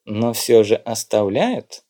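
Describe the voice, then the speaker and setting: A man's voice: medium pitch, sing-song, normal speed, mellow, close to an everyday voice. A man reading an audiobook, voicing a terse, ironic woman in her forties.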